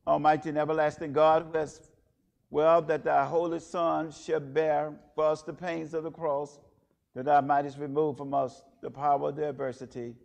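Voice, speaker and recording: A man leading a church service, intoning prayers and reading scripture in a measured, solemn way, with a cathedral echo around his voice. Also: fairly high pitch, little pitch movement, gravelly, a little mellow. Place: large church. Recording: long echoing church reverb.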